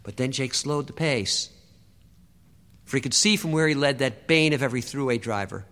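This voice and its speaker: A man's voice: mid-range voice, moderate pace, fairly bright tone. A man reciting a rhyming spoken-word story with a driving, rhythmic delivery. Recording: long reverb.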